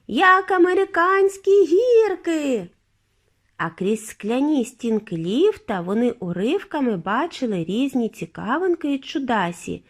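A woman reading a children's audiobook as a bedtime story, telling it with expressive, animated delivery. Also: mid-range voice. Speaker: audiobook reader.

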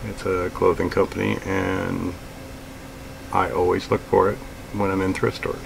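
Gravelly low-voiced man, slow and plain-spoken. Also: background noise. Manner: relaxed, plain-spoken, with frequent fillers. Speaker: outdoors vlogger. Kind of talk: casual gear talk to camera. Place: small indoor room with shelves of gear.

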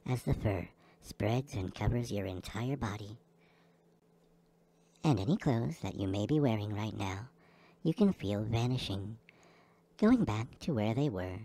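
A man guiding a listener through a slow, soothing hypnosis session. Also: fairly low pitch, mellow. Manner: slow, soothing, repetitive delivery. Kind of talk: guided hypnosis script.

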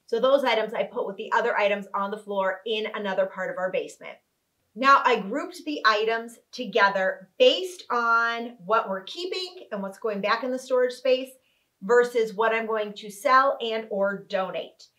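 A thirtysomething woman who vlogs about home organizing sits on a couch in an indoor living room, speaking to the camera. Her slightly high voice is bright and forceful at a normal speed as she walks through each step clearly in an upbeat, instructive way.

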